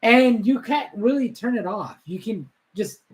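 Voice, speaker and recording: A man's voice: high voice, very animated, a little slow, a little mellow, low-quality recording. A man co-hosting a gaming podcast, talking casually in profane slang and laughing often. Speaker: podcast co-host.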